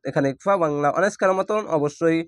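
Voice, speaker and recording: A man teaching Quran reading, spelling each letter and vowel mark and then drawing out the joined syllables in a slow lesson. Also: on the high side, no room sound, studio quality.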